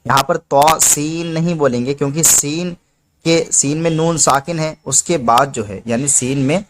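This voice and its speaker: A man's voice: fairly high pitch, a bit bright, slight background noise. Patient male Quran reading teacher. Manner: patient, explanatory, drawn-out chanted letter names. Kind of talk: step-by-step recitation lesson.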